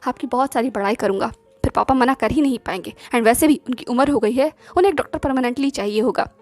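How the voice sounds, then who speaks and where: A woman's voice: a little high, quick pace, a little mellow, lightly acted. A woman voicing a guilt-ridden young man in love who reassures his partner, as an audiobook character voice. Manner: soothing, reassuring.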